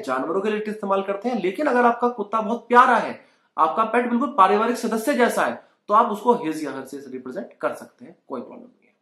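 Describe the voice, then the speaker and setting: A man's voice: high-pitched, a bit bright. A young Indian man teaching spoken English in Hindi, coaxing learners to repeat the sentences after him. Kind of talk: Hindi-English language lesson. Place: indoors at home. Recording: echoey room.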